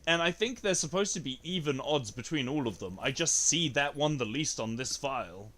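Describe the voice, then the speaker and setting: A man casually commenting on his gameplay for a stream, talking to his chat, swearing freely and jumping into high yelps when something good or annoying happens. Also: expressive, moderate pace, fairly bright tone. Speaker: game streamer.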